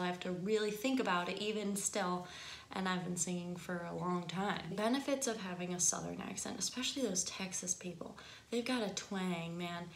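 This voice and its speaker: With a fairly low, gravelly, nasal voice and an Upper Midwest American accent, a woman from the northern United States gives casual singing instruction to camera and laughs often. The echoey recording has a little hiss or hum.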